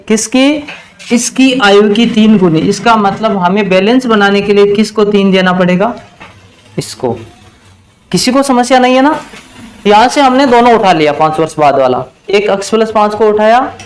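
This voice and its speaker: A man with a Hindi accent teaching a math lesson at the board, asking the class questions and then answering them himself, and slowing down to dictate equations. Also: high voice. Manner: slows down while dictating equations.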